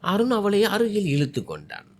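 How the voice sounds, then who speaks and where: A man narrating an emotional story in an expressive, dramatic reading. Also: high-pitched, moderate pace. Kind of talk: scripted narration.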